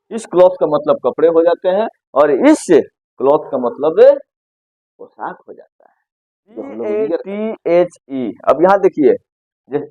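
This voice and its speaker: A man's voice: high-pitched, dry recording, lo-fi sound. A man teaching an English pronunciation lesson, spelling words letter by letter and asking questions that he answers himself. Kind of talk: Hindi-language pronunciation lesson.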